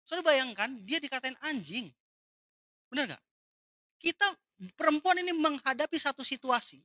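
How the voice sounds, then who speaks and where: A woman preaching at a youth conference, asking the audience questions and swinging from loud to soft as she retells a story. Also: sits high, animated, moderate pace, no echo. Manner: addresses the audience as "saudara" and asks them questions; retells the story with dramatic rises and drops in loudness. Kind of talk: conference sermon.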